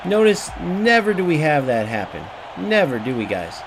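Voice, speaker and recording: A very animated man, his voice on the high side and his speed normal, streams football while ranting profanely at his opponents in live commentary. Background noise comes through clearly.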